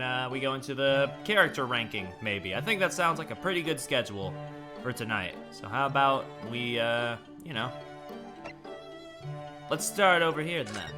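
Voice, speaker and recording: A man chatting casually while streaming a game, relaxed and rambling, with game music behind. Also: mid-range voice. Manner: relaxed, rambling, lots of fillers. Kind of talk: casual let's-play chat and reading the game aloud.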